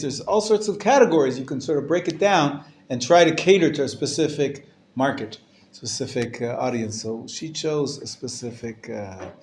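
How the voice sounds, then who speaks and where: A rabbi with a medium-pitched, slightly mellow voice teaches a live class informally, using Hebrew religious terms and asking and answering his own questions. His delivery is hesitant and halting, with frequent restarts, and there's slight background noise.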